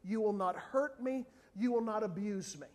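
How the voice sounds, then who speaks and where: Sitting high in pitch and moving at a moderate pace, a man who isn't from South Africa preaches as an evangelist. His funny story is animated, and he slips briefly into other people's voices to act them out.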